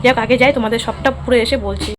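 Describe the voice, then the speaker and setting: A middle-aged woman, a mother vlogging in a hurried, chatty way with many fillers. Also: fairly high pitch, steady tone, soft background music. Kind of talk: casual vlog narration.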